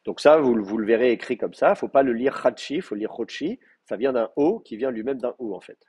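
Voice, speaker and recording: A man's voice: medium pitch, fast, a little mellow, breathy edge. A male teacher giving a live class, explaining step by step with many fillers and checking that students follow.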